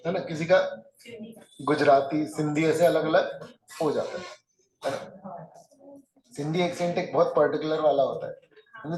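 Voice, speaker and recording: A man's voice: on the high side, a little mellow. A man teaching a classroom lecture, talking conversationally and checking often whether his students follow. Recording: echoey room.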